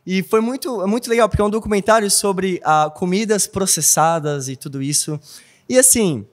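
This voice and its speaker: A man's voice: high-pitched, moderate pace. A man preaching a sermon in a church, earnest and conversational, with light humorous asides. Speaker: pastor.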